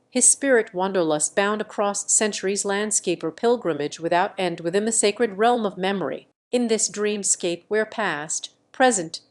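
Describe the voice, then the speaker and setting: A woman narrating a bedtime story in a calm, slow and soothing way. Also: mid-range voice.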